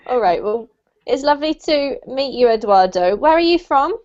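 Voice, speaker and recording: A British woman who teaches English online speaks in a high, bright voice, laughing often and greeting her students by name as she chats cheerfully through a casual class. She's in a room at her home in New Zealand. The video call audio is muffled, dull and lo-fi.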